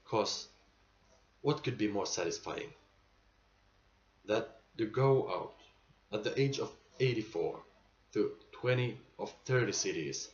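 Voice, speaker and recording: Man acting low-voiced aging salesman in monologue. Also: expressive, slow pace. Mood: nostalgic. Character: aging male salesman, nostalgic, pleading, weary pride. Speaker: actor performing a monologue. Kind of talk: dramatic stage monologue. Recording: muffled amateur recording with clear background noise.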